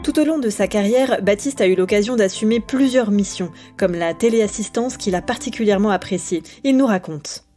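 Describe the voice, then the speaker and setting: A woman giving the scripted narration of a podcast, in a smooth, even delivery. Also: mid-range voice, fairly quick, hardly any pauses, faint music behind.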